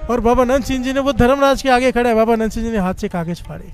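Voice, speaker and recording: A man with a notably high voice delivers a devotional sermon in the manner of a storyteller. Between passages he keeps urging his listeners to call out praise, and he acts out what the people in his story say. Soft devotional music plays faintly underneath. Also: steady tone, fast talker. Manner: keeps calling the congregation to respond in praise; tells a story, acting out the quoted speech. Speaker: Sikh scripture preacher.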